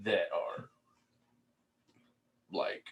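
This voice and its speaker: A man's voice: drawn-out words, dull audio. A young man co-hosting a podcast, crude and teasing, swearing often in casual chat. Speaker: podcast co-host and editor.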